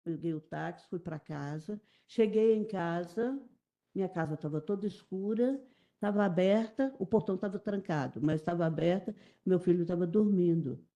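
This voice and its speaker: A middle-aged Brazilian woman giving halting, repetitive, emotional testimony as a witness in a courtroom. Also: fairly low pitch, mellow, lo-fi sound. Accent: Brazilian Portuguese. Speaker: witness testifying in a jury trial.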